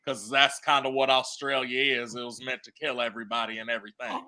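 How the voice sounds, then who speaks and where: Bright-voiced laid-back co-host. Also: male voice, medium pitch, little pitch movement, fast. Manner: laid-back slangy talk, frequent "you know what I'm saying". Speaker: podcast co-host. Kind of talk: casual podcast chat.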